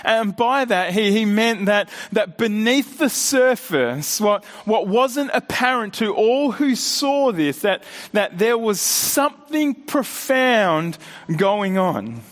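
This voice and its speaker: Brief: male pastor, earnest sermon, halting restarts, high voice, long church reverb. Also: animated.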